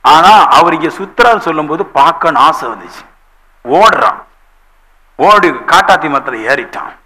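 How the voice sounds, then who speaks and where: A male pastor preaching a sermon in a church, telling lively stories and acting out the voices of the people in them. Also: a little high, moderate pace, poor audio.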